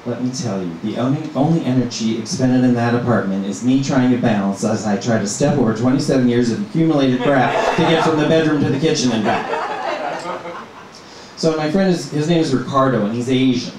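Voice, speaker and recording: A middle-aged man from Minnesota performing a stand-up comedy set in a small club, talking in a halting, deadpan way full of ums. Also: medium pitch, noisy background. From Minnesota, USA. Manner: halting, filler-heavy, deadpan delivery. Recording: very echoey room, mic from a distance.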